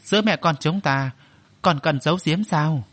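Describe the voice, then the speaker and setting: A man's voice: fairly high pitch, moderate pace, a bit bright, dry recording, natural voice. A man voicing an anxious, doting middle-aged mother in an audio story, in a pleading tone.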